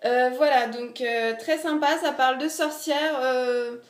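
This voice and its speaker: A woman's voice: high voice, steady tone, a little slow. A young woman with an Alsatian French accent, chatting casually through a book haul vlog with lots of fillers and self-mocking asides. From Alsace, France. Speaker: book vlogger. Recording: echoey room.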